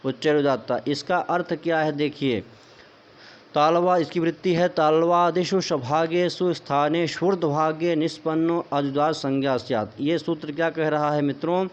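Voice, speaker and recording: A man's voice: on the high side, steady tone, moderate pace, lo-fi sound. A man teaching Sanskrit grammar in an online lecture. He explains step by step, asks questions and answers them himself. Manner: explanatory, repeats points as questions to the viewer, addresses them as friends.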